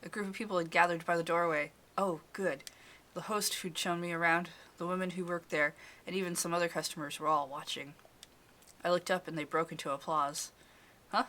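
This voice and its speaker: Bright-voiced woman reading a game aloud. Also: lowish voice, fairly quick. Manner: expressive reading, blunt asides. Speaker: streamer reading a visual novel aloud. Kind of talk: game narration and casual commentary.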